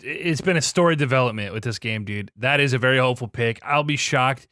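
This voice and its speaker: Bright-voiced man with casual slang. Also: mid-range voice, brisk, no echo, studio quality. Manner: laid-back, slangy, teasing. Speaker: podcast co-host. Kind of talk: casual gaming podcast chat.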